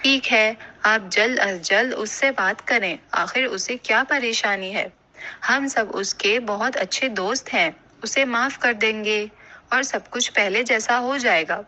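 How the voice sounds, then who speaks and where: A woman voicing a worried young female friend in an animated cartoon, speaking earnestly and with concern. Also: fairly high pitch, low-quality recording.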